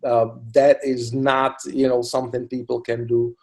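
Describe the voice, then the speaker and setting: A middle-aged man from the Republic, a cancer doctor answering interview questions in a halting way, full of "you know" fillers. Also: medium pitch, flat delivery, vocal fry, darkish tone. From Czech Republic. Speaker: oncologist guest. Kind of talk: expert interview.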